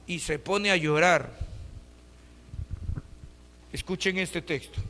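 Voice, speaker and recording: A man preaches a sermon in a high, bright voice, throwing rhetorical questions at his congregation. His voice rings through a reverberant hall with a long tail of echo. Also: slow pace. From Peru. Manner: rhetorical questions, addresses listeners as brothers. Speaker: pastor.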